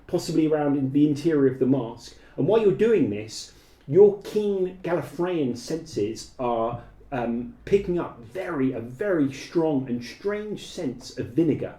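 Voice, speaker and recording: A man's voice: fairly high pitch, lively intonation, a little slow, mellow. A man running a tabletop game as game master, describing scenes and calling for dice rolls. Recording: echoey room.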